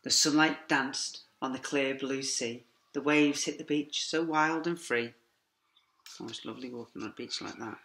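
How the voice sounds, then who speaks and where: A middle-aged male teacher reads a rhyming picture book to young children in a lively, sing-song way, adding quiet asides to them. His voice is mid-range and his pace moderate. A laptop webcam captures it in an echoey classroom.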